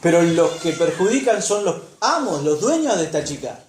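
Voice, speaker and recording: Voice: medium pitch, big pitch swings, normal speed, darkish tone, echoey room, a little hiss or hum. A preacher with an Argentine Spanish accent, telling a Bible story in a sermon and putting rhetorical questions to the congregation. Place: church.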